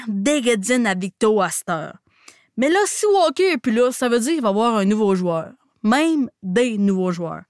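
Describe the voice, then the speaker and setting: A woman with a Québécois accent hosting a comic recap podcast, slangy and animated, playing a mock hockey coach. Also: fairly high pitch, smooth, no echo, clean studio sound. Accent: Québécois French. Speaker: podcast host recapping a TV series.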